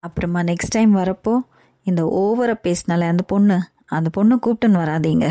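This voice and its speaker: A woman voicing a calm doctor in a cartoon, giving firm advice, with a Kanyakumari Tamil accent. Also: on the low side, fairly quick, natural voice. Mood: advising. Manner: firm, advising.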